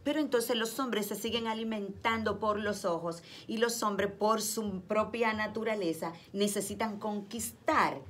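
Woman guest, calm advice-giver, speaks straight to the listener, mid-pitched. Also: measured pace, few pauses. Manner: calm, instructive, addresses listener directly. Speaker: guest counselor on love and relationships. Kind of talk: studio interview advice.

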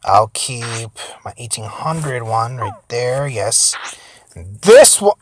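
Excitable swearing gaming vlogger man. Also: medium pitch, takes it slowly, husky. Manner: swings from shouting and squealing to muttering, swears a lot. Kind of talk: excitable live gameplay commentary. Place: in a parked car.

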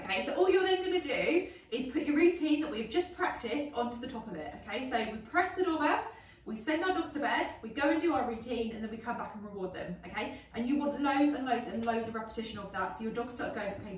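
A woman demonstrates dog training at home indoors, chatting as she walks through each step, often saying "um" and checking "okay?" Her high voice is animated and fast, heard from a distance in an echoey room.

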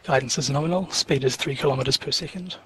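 A man's voice: mid-range voice, fast talker, a bit bright. A man giving terse mission control callouts, heard over a radio comm loop. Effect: distant radio comm loop audio. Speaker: launch control callout operator. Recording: distant husky comm channel audio.

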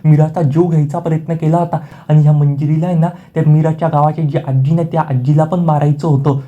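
A stern older patriarch from a family serial, read by a man, hurling condemnations. He sits only a little above the narrator's pitch. The delivery is rapid, level and dark. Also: level tone, lightly acted. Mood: furious.

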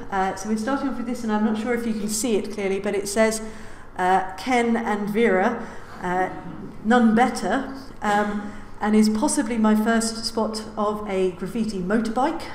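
A woman delivers a public lecture from a lectern in a lecture hall, with many "uh"s and the occasional wry aside. Her voice is mid-range with a darkish tone, and the recording has roomy hall reverb and faint hiss.

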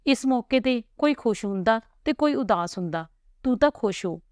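A woman voicing a kind older woman who soothes a crying girl with gentle coaxing. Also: a little high, animated, normal speed, no room sound, clean studio sound, voice pushed up, lightly acted. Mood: soothing.

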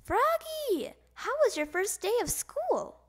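A cheerful, hearty storybook papa frog, voiced by a woman reading to a toddler. The voice is high and very lively in pitch. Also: slow pace, heavily acted.

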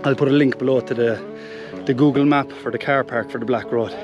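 A man in his thirties with an Irish accent, walking a mountain trail and explaining the route in a relaxed way, pausing on fillers as he films himself at arm's length. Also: mid-range voice, muffled recording, over music. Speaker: hiking vlogger. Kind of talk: casual walking commentary. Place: open mountainside outdoors. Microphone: camera held at arm's length.

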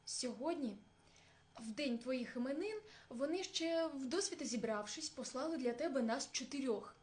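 A woman's voice: sits high, animated, moderate pace, a little mellow. A woman voicing a small, clever hare who speaks as politely as he can. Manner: polite, pleading.

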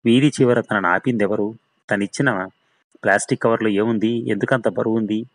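A man narrating a thriller story in a steady storytelling manner. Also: on the low side, moderate pace, dry recording, low-quality recording. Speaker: story reader.

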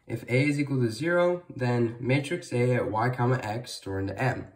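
A man's voice: medium pitch, normal speed. A man giving an instructional tutorial, dictating program code symbol by symbol in short, separate pieces. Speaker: presenter of a calculator programming tutorial. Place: indoors at a wooden table, off camera. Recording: distant from the mic.

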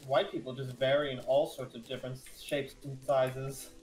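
A man's voice: mid-range voice, little pitch movement, moderate pace, a little mellow, poor audio. A man chatting casually while playing a game with a friend, asking lots of questions and swearing freely. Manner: curious, profane, questioning. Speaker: co-player. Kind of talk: casual gameplay chat.

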